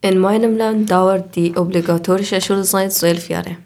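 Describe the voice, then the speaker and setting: A woman's voice: medium pitch, little pitch movement, a little slow, darkish tone. A woman, answering interview questions carefully with small slips. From Afghanistan. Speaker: interview guest. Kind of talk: scripted answers.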